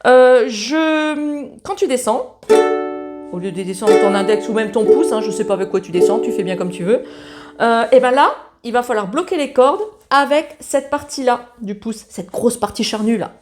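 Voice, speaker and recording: A woman with a high voice gives a relaxed ukulele lesson, chatting to the viewer in a familiar way. Her speech sits over loud ukulele strumming. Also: normal speed, over loud music. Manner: chatty, familiar, sings the lyrics while strumming. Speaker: ukulele teacher. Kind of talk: casual ukulele tutorial. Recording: loud ukulele playing along.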